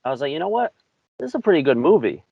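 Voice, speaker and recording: A man's voice: a little high, very animated, very fast, gravelly, slightly rough, dry recording. A man co-hosting a movie podcast, easygoing and full of "you know" and "like" fillers. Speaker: podcast co-host. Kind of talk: casual movie chat. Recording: dry, dull lo-fi mic.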